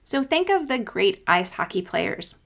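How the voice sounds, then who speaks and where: A woman speaks as a podcast host and coach in a conversational solo style. She gives advice informally, with an encouraging manner. Her voice sits at an average pitch for a woman. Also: big pitch swings, measured pace, vocal fry, fairly bright tone.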